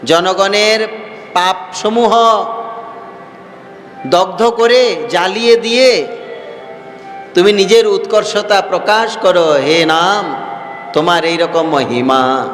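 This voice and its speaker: A man, a monk preacher, giving a slow devotional sermon, repeating his phrases and putting questions to his listeners. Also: sits high, a bit bright. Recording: roomy hall reverb with faint music.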